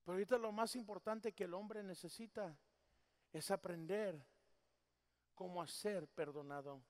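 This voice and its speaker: A man preaching a sermon as pastor in a church, swinging from loud emphasis to hushed tenderness. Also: high voice, normal speed. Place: church sanctuary. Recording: long hall reverb.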